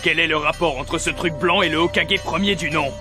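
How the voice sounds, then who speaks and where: A man's voice: fairly high pitch, fairly even intonation, brisk, close to an everyday voice. An actor dubbing a puzzled, blunt adult male ninja in a French anime dub, confused and questioning. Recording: dub voice over soundtrack music.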